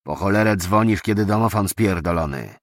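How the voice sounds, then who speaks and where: A man's voice: sits low, brisk, no room sound, studio quality, pitched above the performer's own voice, close to an everyday voice. A man doing a crude sneering thug. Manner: coarse, sneering. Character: crude, leering thug doorman, male adult.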